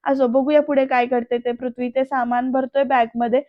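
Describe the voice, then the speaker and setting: A woman's voice: high voice, flat delivery, a little fast, no room sound, lo-fi sound. A woman narrating a casual voice-over recap of a TV serial, talking straight to the viewers. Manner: chatty, addresses viewers directly. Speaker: serial reviewer. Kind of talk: casual voice-over episode review.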